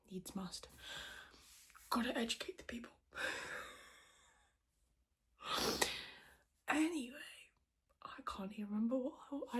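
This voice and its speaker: A woman podcast host whispering in a hushed, quiet voice so as not to wake anyone, chatting casually in a rambling, self-deprecating way. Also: a little high, slight background noise. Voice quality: whispered, breathy voice. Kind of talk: casual chat to podcast viewers.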